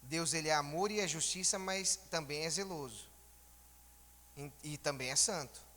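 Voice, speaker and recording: Brief: male church elder, higher voice, bright tone, informal conversational sermon, reverberant church hall. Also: normal speed. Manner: informal, asks the congregation rhetorical questions.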